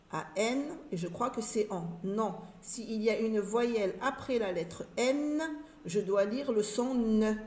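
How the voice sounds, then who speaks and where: A woman teaching a reading lesson to young learners, speaking slowly and repeating each word and syllable with care. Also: medium pitch, darkish tone. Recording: roomy echo.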